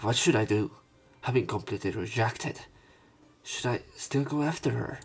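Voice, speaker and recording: A man with a mid-range, slightly breathy voice reads visual novel text aloud at a moderate pace. Between lines he breaks off for casual, sweary let's play commentary.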